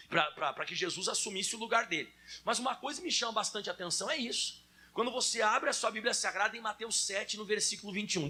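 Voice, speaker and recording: A man's voice: high voice, sharp tone, slightly rough. A Brazilian man preaching a sermon in a conversational way, speaking straight to his congregation. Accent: Brazilian Portuguese.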